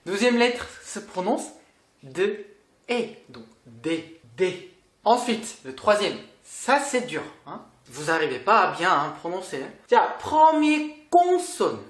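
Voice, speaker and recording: Language tutor, unhurried and lively in pitch, recorded in a roomy echoing space. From South Korea. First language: Korean. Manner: patient, repeats sounds and checks in often. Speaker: language teacher. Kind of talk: online lesson. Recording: roomy echo.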